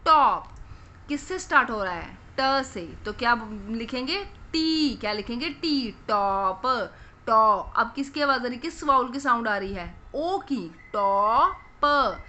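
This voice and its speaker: A young woman with a Punjabi accent teaching children phonics, asking questions and repeating each answer slowly. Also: on the high side, animated, pushed and bright.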